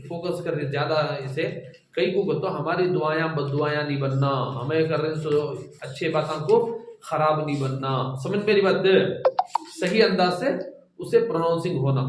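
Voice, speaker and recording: High-voiced man teaching in echoey room. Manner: keeps checking that students follow; patient, repeats and models sounds. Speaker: Quran teacher. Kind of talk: classroom teaching. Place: classroom with students. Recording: echoey room, distant mic, faint noise.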